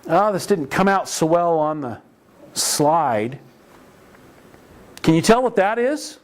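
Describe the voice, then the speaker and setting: A man's voice: a little high, very animated, slow pace. A middle-aged man with a slightly raised voice, giving a classroom lecture on emergency care. He talks in a loose, chatty way, often restarting sentences and telling stories from calls. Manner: conversational, anecdotal, with frequent restarts. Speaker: EMS instructor. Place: training classroom.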